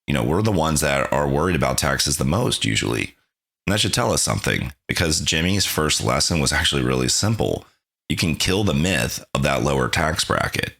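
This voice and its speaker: A man's voice: a bass voice, pushed and bright. A man hosting a podcast, thanking his guest and then recapping the lessons in a reflective, conversational way. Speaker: podcast host. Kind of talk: podcast interview and narrated recap.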